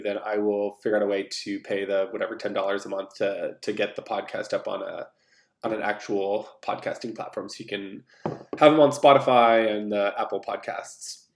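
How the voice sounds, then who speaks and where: A man's voice: lowish voice, steady tone, fairly quick. A man hosting a podcast, talking through a solo intro in a loose, rambling way with many fillers and restarts. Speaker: podcast host. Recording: roomy echo.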